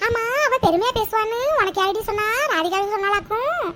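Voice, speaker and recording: Woman doing squeaky teasing village gossips. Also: brisk, a little hiss or hum. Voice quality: squeaky, mocking, calling out loudly. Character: two teasing female village friends, gossipy. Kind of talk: cartoon voice acting.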